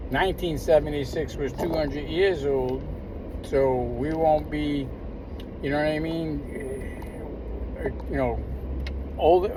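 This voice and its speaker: An older man from the United States giving a rambling, emphatic opinion monologue, with many fillers and restarts. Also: mid-range voice. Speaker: commentator. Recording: clear traffic noise behind.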